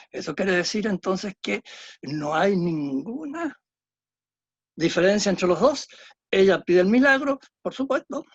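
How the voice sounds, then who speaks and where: A man's voice: high-pitched, husky, no echo, lo-fi sound. A man lecturing on a Bible passage, explaining step by step and often checking in with tag questions. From Chile.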